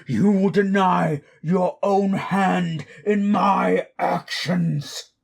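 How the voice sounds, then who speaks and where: A man playing Frankenstein's bitter, anguished monster in a dramatic audio monologue, with a raspy, gravelly voice and theatrical, archaic, deliberate delivery. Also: high voice, steady tone, exaggerated voice. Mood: anguished, angry. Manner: slow, deliberate, theatrical, archaic formal diction. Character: Frankenstein's monster, bitter, anguished, wrathful abandoned male creation.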